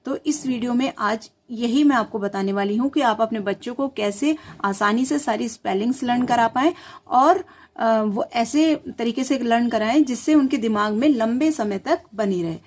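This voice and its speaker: A woman's voice: a little high, normal speed. A woman hosting a tutorial channel, patiently explaining to parents how to teach children spelling, sounding out words letter by letter.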